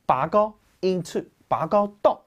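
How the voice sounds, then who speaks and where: Joking, lively man teaching vocabulary. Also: high voice, unhurried, lo-fi sound. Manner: lively, joking, slangy explaining. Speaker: English teacher. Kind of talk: classroom vocabulary lecture.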